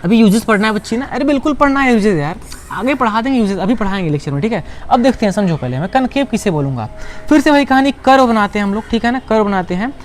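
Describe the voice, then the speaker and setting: A man teaching a lively class lecture with a fairly high voice. He keeps quizzing his students and answering his own questions. He drills each term over and over, with faint room ambience behind him. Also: fast, slight background noise. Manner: asks students questions and answers them himself; repeats key words for emphasis.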